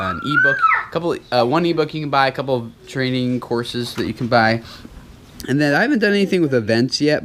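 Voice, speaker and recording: A young man chatting casually and playfully in a home family vlog, as a father talking to small children and to viewers. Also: medium pitch. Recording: clear background noise.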